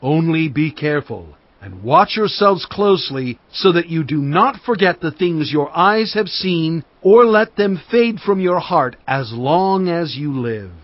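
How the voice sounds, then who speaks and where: Moses, higher-voiced solemn prophet. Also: male voice, no room sound, muffled recording. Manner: grave, measured, emphatic preaching. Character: Moses, solemn, fervent aging prophet exhorting his people. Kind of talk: dramatized scripture oratory. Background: cinematic music.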